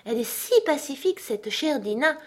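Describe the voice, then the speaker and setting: Woman doing an eager little girl voice, high and polite, kinda breathy. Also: animated. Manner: eager, rushing to please.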